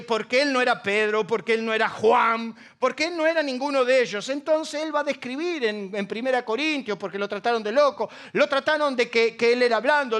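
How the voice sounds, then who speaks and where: A man's voice: very high-pitched, fairly bright tone. A middle-aged male pastor with a Rioplatense Spanish accent, preaching a humorous, story-filled sermon and asking the congregation questions. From Argentina.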